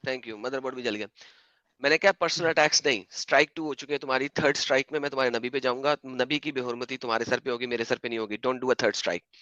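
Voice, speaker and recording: Sharp, bright-voiced mocking debater man. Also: medium pitch, fairly even intonation, dry recording, highs cut off. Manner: mocking, insistent, repeats his questions. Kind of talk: heated online debate.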